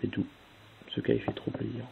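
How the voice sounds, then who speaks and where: Young male tutorial host, relaxed and chatty, reads out move sequences; lo-fi audio with faint hiss. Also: brisk. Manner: casual, spells out move sequences step by step with fillers. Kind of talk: casual tutorial explanation.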